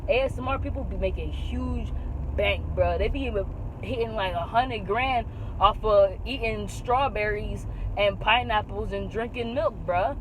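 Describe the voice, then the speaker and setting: A young woman vlogging in a casual chat, animated and slangy, leaning hard on "bro" and "like.". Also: medium pitch, measured pace, slight background noise, poor audio.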